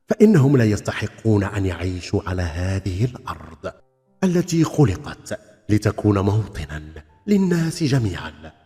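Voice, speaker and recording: A man voicing a tall, stern, angry thunder figure in a folk tale, with a deep, powerful, solemn delivery. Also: dark tone, natural voice. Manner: grave, solemn, condemning delivery. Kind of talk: dramatized folk tale storytelling. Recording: long reverb, music bed.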